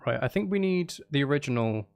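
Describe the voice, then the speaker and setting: This man is editing music during a casual live stream, talking his way through the task out loud, repeating phrases and second-guessing himself. He speaks briskly with a voice on the high side, lively intonation and a clear, resonant tone, recorded dry at studio quality.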